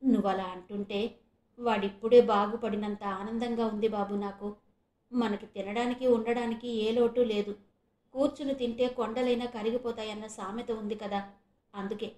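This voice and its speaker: A woman's voice: a little high, steady tone, moderate pace, darkish tone, reverberant, lightly acted. A woman voicing a weary middle-aged mother who laments her son's ways. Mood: sorrowful. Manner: sorrowful, lamenting.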